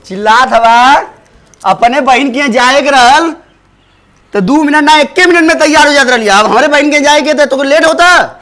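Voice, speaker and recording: A man's voice: high voice, normal speed, fairly bright tone. A man with a Bhojpuri accent acting an impatient, harried husband in a comedy sketch, scolding and exasperated.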